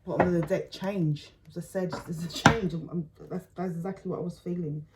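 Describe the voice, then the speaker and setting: Heavy background noise runs under a woman's casual tarot reading. Thinking aloud, she speaks in halting bits, keeps repeating words, and notes that her voice feels low today.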